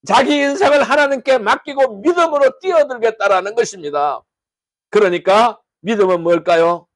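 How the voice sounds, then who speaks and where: A man's voice: very high-pitched, normal speed, no echo. A man preaching a sermon as pastor, putting rhetorical questions to the congregation.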